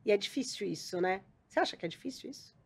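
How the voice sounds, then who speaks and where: A woman's voice: mid-range voice, animated, fast, creaky, husky. Conversational woman hosting a podcast. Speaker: podcast host. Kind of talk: casual interview chat.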